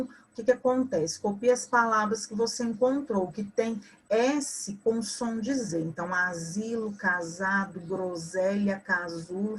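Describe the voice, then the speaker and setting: A woman's voice: mid-range voice, fairly bright tone, a little hiss or hum. A woman with a Brazilian Portuguese accent, a teacher correcting homework for schoolchildren, explaining patiently and spelling out words.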